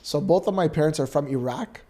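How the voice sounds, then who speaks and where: A man co-hosting a casual podcast, telling lively stories and acting out voices. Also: fairly high pitch, brisk. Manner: animated storyteller, acts out voices. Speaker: podcast co-host. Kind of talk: casual chat.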